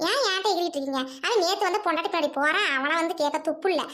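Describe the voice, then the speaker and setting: A bitter, scheming mother-in-law with a very high, piercing voice, played by a woman. She scolds and taunts in a family drama. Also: very fast, a bit bright. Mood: scornful. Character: sharp-tongued scheming middle-aged mother-in-law.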